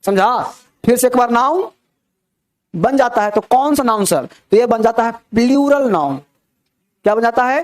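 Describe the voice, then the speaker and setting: A high-pitched male teacher runs a classroom grammar lesson. He keeps stopping to ask whether the class has understood. He slips English example sentences into his explanation. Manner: asks frequent check questions.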